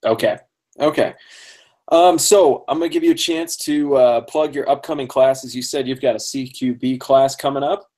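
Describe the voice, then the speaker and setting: Man, interview host, casual chat, laughs often, lots of ums, mid-pitched voice. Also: fairly even intonation, moderate pace, darkish tone. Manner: friendly, laughs often, many fillers. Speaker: podcast host.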